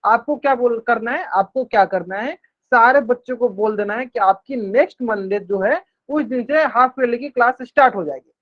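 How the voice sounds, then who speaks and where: Man with a high voice teaching a live online math class, drilling each point by repetition, muffled lo-fi stream sound. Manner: repetitive, asks the class questions and answers them himself; says English math terms slowly and drawn out. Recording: dull lo-fi stream audio.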